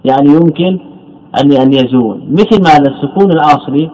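A man who is a religious scholar, teaching Arabic grammar in a classical lecture. He asks his own questions and then answers them, repeats key words, and slowly stretches out his example words. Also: on the high side, mellow, highs cut off.

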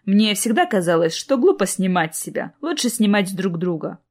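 A woman's voice: mid-range voice, big pitch swings, normal speed. A woman reading the lines of an impulsive, shy young man in love, in an earnest way. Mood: eager.

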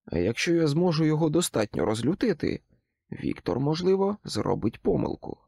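A male narrator reads a first-person audiobook in a gravelly voice. His pitch moves a lot as he dramatizes the story. The recording is dry and close, with no room sound. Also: normal speed, no echo. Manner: expressive, dramatic reading.

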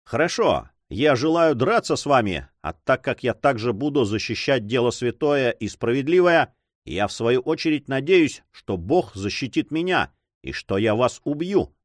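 Guy narrator doing a gloomy young man, slow and calm, set on a duel, dry close mic. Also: medium pitch, dry recording, close to an everyday voice. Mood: resolute. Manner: slow, gloomy, calmly resolute. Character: grim young man issuing a duel challenge.

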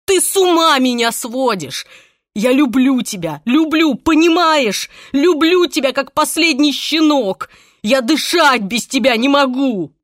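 A woman's voice: mid-range voice, animated, normal speed, no room sound, studio quality, lightly acted. A woman reading aloud and voicing an obsessive young man who pleads desperately and threatens coldly, in an audiobook. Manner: pleading then cold and threatening.

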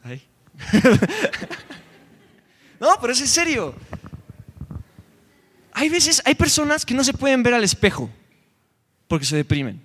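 A young Mexican man preaching a lively youth sermon, joking as he retells scripture. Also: very high voice, normal speed, pauses often. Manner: animated, joking, retells scripture in quoted voices. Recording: long hall reverb.

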